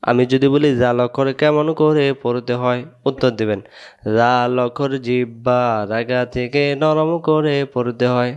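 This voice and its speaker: A man with a Bangladeshi Bengali accent teaches Quran letters, speaking very slowly and drawing out each sound. His voice is smooth and clear. He repeats each syllable and asks the class to say it back. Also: mid-range voice, fairly even intonation, highs cut off. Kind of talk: slow, drilling recitation lesson.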